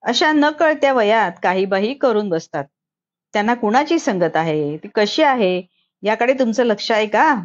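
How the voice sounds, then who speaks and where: A woman's voice: medium pitch, lively intonation, moderate pace, lo-fi sound, lightly acted. A woman reading a storybook, voicing a stern police inspector who reproaches careless parents. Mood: scolding. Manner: lecturing, reproachful.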